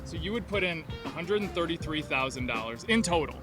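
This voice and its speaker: Upbeat male host in his 30s on a city street, talks at a clip, slightly high voice, faint music under him. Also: animated. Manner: upbeat, quick questions and number rundowns. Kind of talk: street interview.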